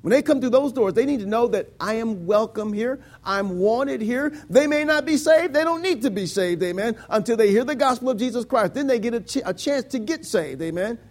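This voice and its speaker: A man preaching a sermon with emphatic, repetitive lines that climb to shouts. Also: very high voice, animated, fairly quick, hardly any pauses.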